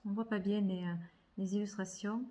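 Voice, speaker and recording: A woman's voice: medium pitch, steady tone, normal speed, mellow, highs cut off. A woman vlogger chatting casually about tarot decks, thinking aloud and often repeating words as she hesitates. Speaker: tarot and oracle card vlogger. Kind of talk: casual haul chat.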